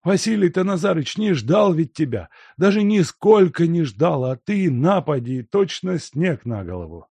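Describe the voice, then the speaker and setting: A man voicing a fussy, grumbling old male house servant who laments and frets in a high, agitated voice. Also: very animated, unhurried, few pauses, darkish tone, breathy edge, dry recording, full character voice. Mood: fretful.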